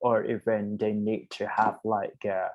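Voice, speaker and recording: A man with a Thai accent coaching a student as an IELTS speaking teacher, deliberate and often rephrasing himself. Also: fairly low pitch, level tone, a little mellow, highs cut off.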